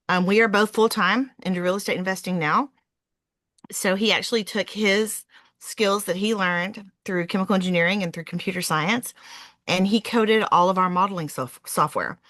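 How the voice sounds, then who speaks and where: A woman's voice: medium pitch, a bit bright, dry recording. A woman in her forties, a real estate investor answering interview questions in a chatty way, with many "um"s and self-corrections.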